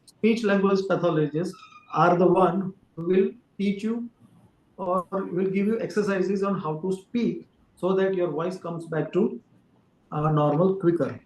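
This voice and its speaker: A man speaks as a doctor, explaining things patiently and filling pauses with "uh". His voice sits slightly high. The room around him rings with a noticeable echo. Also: fairly even intonation, darkish tone, a little hiss or hum. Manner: careful explainer with frequent fillers. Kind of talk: explaining to an interviewer. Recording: roomy echo.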